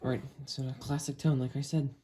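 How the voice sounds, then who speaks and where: The voice is medium-pitched and level, running a little fast, as the host of a gadget review video chats through a hands-on look at the item. Recorded indoors in a home room, the audio is noisy, with clicks and handling.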